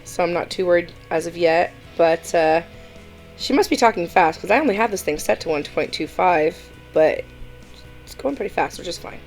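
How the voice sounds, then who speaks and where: A woman's voice: fairly low pitch, animated, normal speed, faint music behind, low-quality recording. A woman hosting a reaction video, chatting casually and giving her opinions with many fillers.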